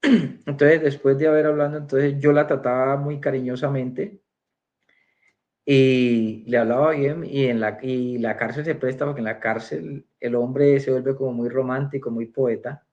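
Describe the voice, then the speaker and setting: A man's voice: medium pitch, steady tone, a little slow, a little mellow, lo-fi sound. A man giving a spoken personal testimony as a church member, telling his story and acting out the dialogue.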